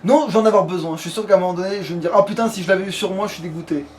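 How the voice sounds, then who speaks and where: Talking very fast in a high, darkish voice, a man hosts a let's play, chatting casually and cursing under his breath while playing a video game. Background noise comes through clearly on the home recording.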